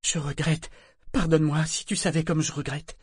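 A man voicing a frightened young boy who shouts orders on a ship in a storm, in a high, strained voice. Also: fairly quick, no echo, clean studio sound. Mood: remorseful. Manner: high, strained, desperate yelling.

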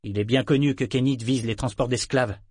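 A man reading the part of a stern older grandmother who speaks gravely and in measured tones, with a dry, close sound. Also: mid-range voice, steady tone, a little mellow, no echo, lightly acted. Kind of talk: audiobook character reading.

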